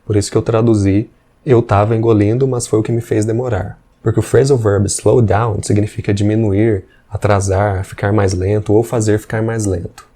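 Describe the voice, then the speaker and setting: A man teaching English. His voice is low and mellow. He explains patiently and repeats examples slowly. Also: little pitch movement, a little hiss or hum. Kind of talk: explanatory language lesson.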